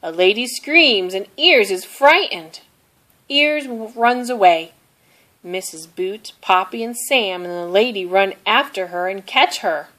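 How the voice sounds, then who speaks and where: A storybook reader, a woman, reads a children's picture book aloud in a slow, simple storytelling style. Her voice is medium-pitched, and she gives the characters' lines expressive delivery.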